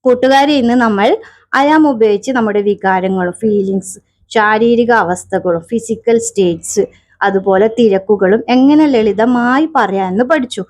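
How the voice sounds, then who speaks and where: A woman's voice: medium pitch, moderate pace, a little mellow, no room sound, clean studio sound. A woman with a Malayali accent teaching beginner spoken English, saying each phrase twice in a cheerful, teacherly way.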